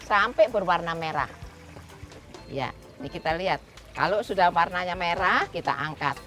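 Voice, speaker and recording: A woman's voice: lowish voice, lively intonation, moderate pace, bright, forceful tone. A woman hosting a cooking demonstration on an outdoor street stage, explaining each step in a chatty, instructive way and often addressing the audience directly. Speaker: cooking show host. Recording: music playing behind.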